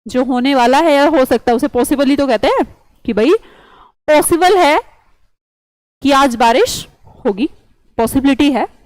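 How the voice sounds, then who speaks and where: A woman's voice: high voice, unhurried, pauses often, darkish tone, no room sound, poor audio. A woman teaching an online vocabulary lesson, chatty and coaxing, quizzing students with memory tricks.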